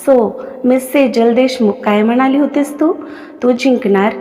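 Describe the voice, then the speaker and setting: Audio story: a woman voicing a smug, powerful young man with a teasing streak, high voice, reverberant sound. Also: unhurried, dark tone, close to an everyday voice.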